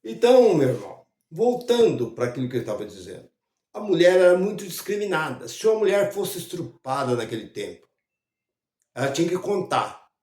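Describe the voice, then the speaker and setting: A Brazilian pastor preaching a sermon, telling stories and acting out the dialogue, sometimes loud and sometimes hushed. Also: male voice, a little high, sing-song, fairly quick, reverberant. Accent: Brazilian Portuguese. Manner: retells stories acting out dialogue, varies loudness widely. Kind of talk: sermon storytelling.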